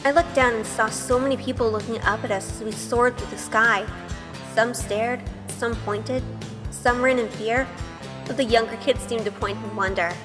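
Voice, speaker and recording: This is first-person audio drama narration with in-scene dialogue, voiced by a woman as Grace, a wide-eyed, sheltered young woman turned witch. Her tone is steady and natural, her speed normal, her voice fairly high and sweetly wonder-struck. A long reverb surrounds her, with gentle music underneath.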